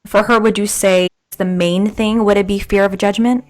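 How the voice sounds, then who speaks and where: Casual woman host, mid-pitched voice. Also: fairly even intonation, moderate pace. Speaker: host reading audience questions to a channeler. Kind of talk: casual spoken question-and-answer hosting.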